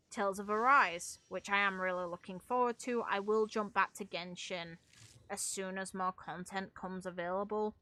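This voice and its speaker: This woman, hosting a gaming video, rambles casually through her gameplay commentary while music plays behind her. Her medium-pitched voice sounds bright and forceful.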